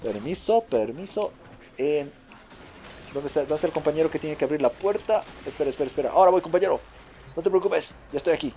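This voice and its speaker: Excitable man commentating his gameplay. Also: a little high, fast talker, a little hiss or hum. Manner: excitable, repeats short phrases in bursts; chatty, addresses viewers as a group. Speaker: gaming video host. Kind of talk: let's play commentary.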